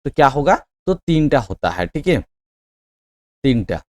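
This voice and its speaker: A man leads an exam-prep quiz lesson at a middle pitch. He reads each question out slowly and loudly. Then he urges his students to answer quickly, checking again and again that they follow. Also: sing-song. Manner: frequent "theek hai" checks. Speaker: exam coaching teacher.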